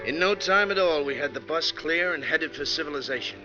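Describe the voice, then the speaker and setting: In 1940s radio drama style, a man plays a wry, tough bus driver telling his own grim story in the first person. His voice is on the high side, natural, and a little fast. The thin, band-limited recording cuts off the highs, with music playing in the background.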